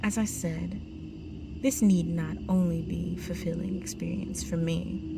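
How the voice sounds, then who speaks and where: In an intimate roleplay audio drama, a woman with a lowish voice plays a seductive, possessive vampire countess. She speaks in a sultry, commanding way that often sinks to a breathy whisper, over loud background music.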